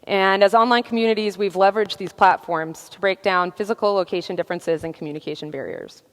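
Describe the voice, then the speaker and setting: A woman giving a prepared talk at a conference, speaking in a measured way with frequent "uh" fillers. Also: mid-range voice. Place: conference hall. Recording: long hall reverb.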